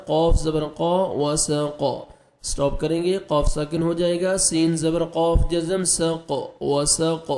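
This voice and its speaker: Mellow-voiced male Quran teacher. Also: a little high, creaky, roomy sound. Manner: spells letters with vowel marks slowly, explains rules quickly; draws out recited words in slow chant. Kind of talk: spelling out and reciting verses for learners.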